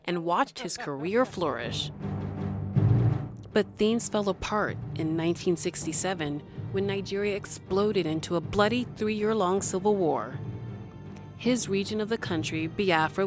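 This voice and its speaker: A woman's voice: mid-range voice, expressive, unhurried. A woman reading scripted narration for a television profile. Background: music.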